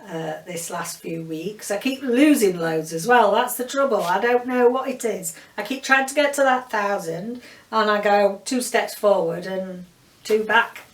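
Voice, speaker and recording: A woman's voice: medium pitch, measured pace. A woman with a Yorkshire accent chatting rambly about books in a casual vlog wrap-up, with lots of filler words. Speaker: book vlogger. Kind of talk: casual monthly book wrap-up. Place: home room with bookshelves behind her. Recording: roomy, distant mic, faint background hiss.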